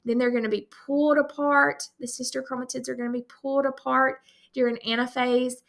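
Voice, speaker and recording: A woman's voice: high-pitched, level tone, brisk, gravelly, a bit bright. A woman teaching science, explaining a review lesson to her students in an upbeat, direct way.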